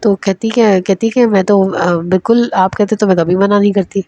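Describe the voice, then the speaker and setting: A woman's voice: medium pitch, steady tone, darkish tone, no echo. A woman casually recapping drama episodes as a reviewer, chatty and hesitant with many fillers.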